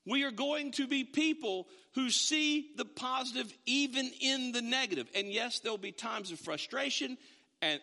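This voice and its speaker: A man preaching in a church sanctuary, his voice very high and bright. He talks in an animated way, tripping over words and restarting sentences. A long reverb from the hall trails each phrase. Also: creaky. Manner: animated, with frequent stammered restarts. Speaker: pastor. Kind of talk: sermon.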